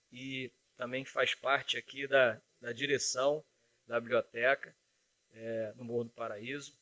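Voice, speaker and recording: A man's voice: medium pitch, sharp tone, dry recording. A man hosts an interview podcast, making polite, formal introductions. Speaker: podcast host.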